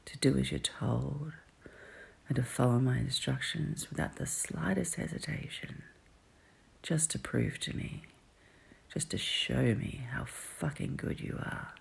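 Breathy, husky whispering woman. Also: rumbling low. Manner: soft teasing whisper, drawn-out murmurs. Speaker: audio roleplay performer. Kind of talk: intimate whispered roleplay audio.

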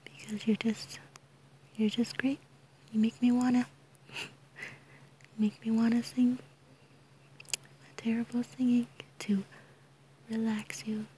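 Woman for gentle ASMR whispering, unhurried, dark mellow tone, laughs softly, some low hiss. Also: little pitch movement, low-quality recording. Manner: soft whispering, giggly, slow and soothing. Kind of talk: ASMR roleplay, whispered comfort.

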